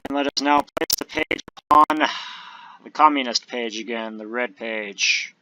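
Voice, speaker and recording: A man's voice: mid-range voice, a little slow, sharp tone, slight background noise. A man hosting a let's play, giving casual game commentary with wry, joking asides. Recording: dull lo-fi microphone with game music. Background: video game music.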